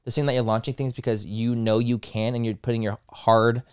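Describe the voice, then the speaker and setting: A man's voice: medium pitch, level tone, a little fast, clean tone. A young man chatting casually as a podcast co-host, gushing and emphatic, peppering his talk with "like" and "literally". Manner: casual swearing.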